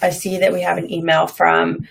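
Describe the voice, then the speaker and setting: A woman casually telling a personal faith story, animated and full of "like" and "um". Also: on the low side, a little fast, creaky, breathy edge. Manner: animated, dramatizes her own past reactions; many fillers like "like" and "um". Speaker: vlogger sharing faith stories.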